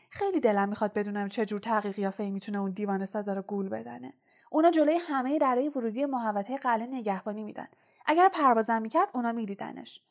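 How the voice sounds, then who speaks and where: A woman reading a storybook voices a clever, anxious teenage schoolgirl who explains things in a rapid, know-it-all way. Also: high-pitched. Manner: quick, know-it-all lecturing.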